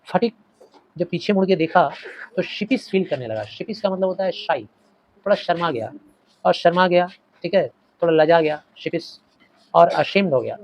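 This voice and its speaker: A man's voice: on the high side, lively intonation, lo-fi sound. Middle-aged male teacher explaining a story. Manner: explains slowly, glossing words and mixing languages.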